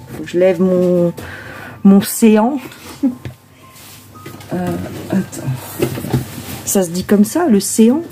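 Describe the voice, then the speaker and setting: A woman's voice: mid-range voice, dark tone. A woman tarot reader chatting casually before a reading, rambling with many hesitations and asides to herself.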